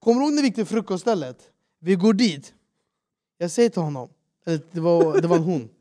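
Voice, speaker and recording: A man tells a story in a relaxed podcast chat. His voice sits fairly high for a man. He acts out the people in it with lively put-on English lines. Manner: animated, acts out quotes in broken English. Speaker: podcast host.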